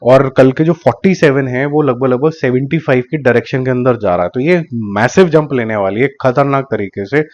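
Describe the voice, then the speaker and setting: Hoarse man slowly walking through numbers. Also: mid-range voice, a little mellow. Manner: deliberately slow, careful delivery of figures; mixes English terms and phrases into his talk. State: sore throat, slightly hoarse. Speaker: box office analyst YouTuber. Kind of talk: casual analytic commentary. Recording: slightly dull lo-fi recording.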